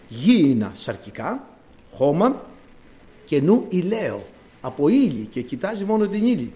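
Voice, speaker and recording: A man preaching a sermon in an animated, emphatic way. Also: a little high. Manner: animated and emphatic, acting out quoted voices.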